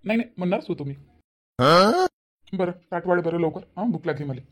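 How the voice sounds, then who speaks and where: A woman voicing a teasing, always-hungry elderly village father-in-law in a cartoon, with a low husky voice. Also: animated, a little fast, highs cut off. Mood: impatient. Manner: teasing, chuckling. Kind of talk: cartoon voice acting.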